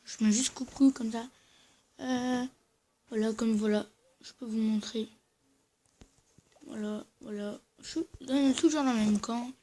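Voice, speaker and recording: The mid-range voice is steady and mellow. Belonging to a gaming video host, it delivers casual, hesitant gameplay commentary full of halts and self-corrections, slightly slurred and odd-sounding because the speaker wears dental braces.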